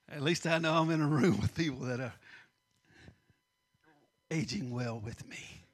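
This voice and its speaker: A middle-aged man preaching a sermon, swinging between loud emphasis and hushed asides. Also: on the high side, takes it slowly, pauses often. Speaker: pastor.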